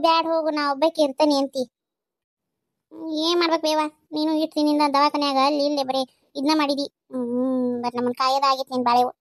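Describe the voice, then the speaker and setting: A woman's voice: high voice, no room sound, studio quality, lightly acted. A woman voicing a fretful village grandmother in a cartoon, fussing and scolding in a North Karnataka accent. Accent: North Karnataka Kannada. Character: fretful village grandmother, doting on crying baby. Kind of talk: cartoon voice acting.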